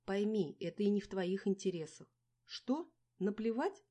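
A woman reading an audiobook, voicing a shrill, irritable young woman in debt who argues sharply. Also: expressive, moderate pace, dark tone, natural voice. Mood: shrill, arguing. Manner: snappy, exasperated arguing. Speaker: character in an audiobook.

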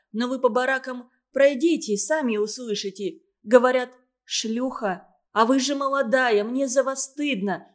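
A woman reading an audiobook, voicing an earnest young woman who scolds and moralizes loudly. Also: a little high, close to an everyday voice.

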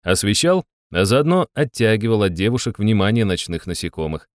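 A man's voice: lowish voice, very animated, fairly quick, no echo, clean studio sound. A man narrating a story in a wry, ironic tone. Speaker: audiobook narrator. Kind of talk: scripted narration.

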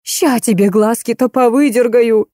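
A woman's voice: high voice, a little slow, warm tone, no echo, clean studio sound, pitched above the performer's own voice. A woman voicing Lenochka, a furious jealous young woman who screeches coarse insults, in an audiobook.

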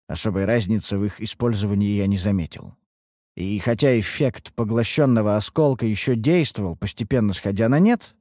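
A man narrating a first-person fantasy audiobook in a steady, measured way. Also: lowish voice, dry recording, studio quality.

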